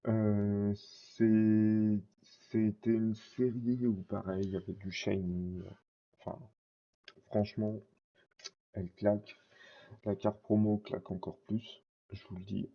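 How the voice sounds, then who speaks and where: This is a card collector vlogger showing off his collection in a casual way. His man's voice sounds dark, muffled, and on the low side, with a scratchy throat. He rambles, using many fillers and correcting himself often.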